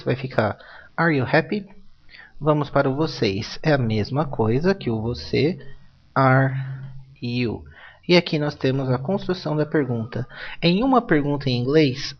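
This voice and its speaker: A man from Brazil teaching an English grammar lesson, explaining patiently and modeling English phrases aloud. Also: mid-range voice. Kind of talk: recorded classroom lesson. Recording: dull lo-fi recording.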